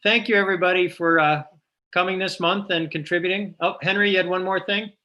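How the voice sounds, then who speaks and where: A man's voice: sits high, fairly even intonation, fairly quick, pushed and bright, lo-fi sound. A man chairing a remote committee meeting on a conference call, moderating procedure in a polite, informal way.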